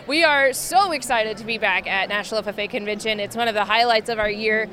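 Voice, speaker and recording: A woman speaks with a crisp, bright tone and a fairly high pitch, upbeat and earnest as she answers questions. She is recorded on the floor of a busy expo hall. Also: fast talker, slight background noise. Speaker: farm stress outreach worker. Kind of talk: interview answers.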